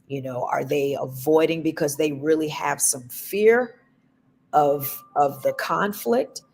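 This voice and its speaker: A woman co-hosting a talk show, giving relationship advice in a slow, deliberate and emphatic way. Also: sits low, a little mellow, a little hiss or hum. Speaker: podcast co-host.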